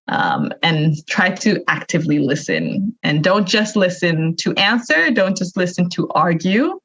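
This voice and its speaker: A woman's voice: fairly low pitch, fairly bright tone. A young adult woman from Thailand, answering conversationally as a podcast guest. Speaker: podcast guest, youth energy advocate. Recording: dull lo-fi remote recording.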